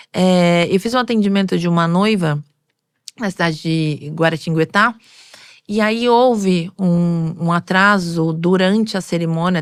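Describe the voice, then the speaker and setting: A woman's voice: lowish voice, clean tone, dry recording, studio quality. A woman, a makeup artist and hairstylist, tells stories from her work in an interview and acts out the voices of the people in them. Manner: animated storytelling, acting out quoted voices. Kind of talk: storytelling in an interview.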